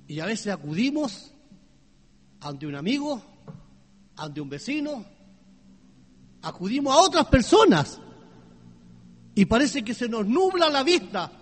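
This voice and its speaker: Male preacher, high voice, sermon delivery, turns from soft to loud and questions the congregation, hall reverb. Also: husky. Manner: swings between hushed low tones and loud high exclamations.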